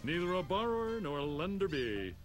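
A man's voice: high-pitched, sing-song, a little fast, soft background music. An actor playing a pushy, cheerful video game ship dealer with showy, slick used car salesman patter. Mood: smooth haggling.

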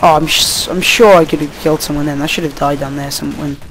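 A tired young man talks through a shooter match in a slightly high voice, rambling and easily sidetracked, cursing whenever the game goes wrong. He is recorded at home on a computer mic with a faint hiss underneath. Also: steady tone, fast. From Wales. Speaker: gameplay commentator. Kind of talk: casual gameplay commentary.

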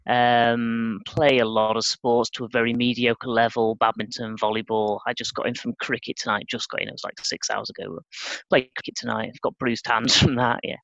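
A man's voice: mid-range voice, little pitch movement, normal speed, gravelly, a bit bright, dry recording, lo-fi sound. A middle-aged man from Sheffield, guesting on a podcast and answering thoughtfully with dry understatement. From Sheffield, England. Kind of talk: casual interview chat.

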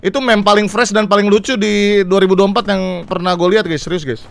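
Young male game streamer, high bright voice, chatty and hyped. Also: fast, vocal fry, slight background noise. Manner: excitable, repeats short phrases in bursts, chatty with viewers. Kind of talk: casual live gameplay commentary. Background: keyboard clicks.

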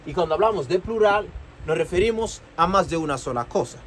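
A man teaching a beginner language lesson, repeating each word several times slowly, a native Spanish speaker. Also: high-pitched, animated, slight background noise, poor audio. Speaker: English teacher.

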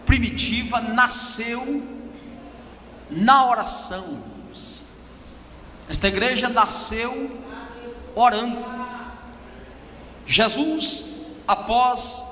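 Brazilian male pastor, high sharp tone, impassioned repetitive sermon, reverberant hall. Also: slight background noise. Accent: Brazilian Portuguese. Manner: impassioned preaching, shouting emphatic repetitions. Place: church hall. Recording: echoey hall, long reverb.

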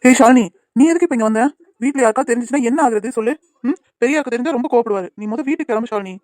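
A woman voicing a gentle, patient young man in a cartoon, soothing and reassuring the people around him. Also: on the high side, no echo, clean studio sound, close to an everyday voice. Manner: soothing, reassuring, quick talking. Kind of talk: cartoon voice acting.

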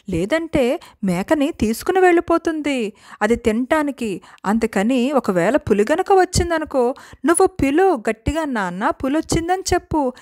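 A stern village farmer father giving firm instructions and scolding his lying son, played by a woman storyteller. The voice stays high and light, close to her own narrating voice. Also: darkish tone, no room sound.

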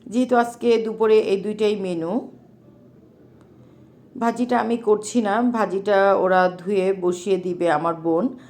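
A woman's voice: mid-range voice, steady tone, measured pace, pauses often, a little mellow. A middle-aged mother with a Bangladeshi Bengali accent, narrating her family vlog in a homely, chatty way and talking straight to her viewers. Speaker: vlogger, mother.

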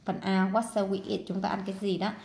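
A woman English teacher with a Vietnamese accent, working through a workbook exercise and talking as she writes, with pauses and fillers. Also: medium pitch, flat delivery, vocal fry, darkish tone. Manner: talks while writing, with pauses and fillers. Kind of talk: casual workbook walkthrough.

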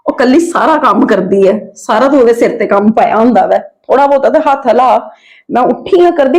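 A woman's voice: on the high side, darkish tone, lightly acted. A woman acting as a young daughter-in-law recovering from surgery who pleads politely with her family. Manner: pleading, deferential. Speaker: creator and actor.

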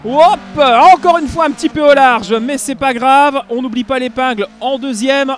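A young man giving lively, jokey play-by-play commentary on his own rally racing game run as a gaming video host. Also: very high-pitched, moderate pace. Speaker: gaming YouTuber.

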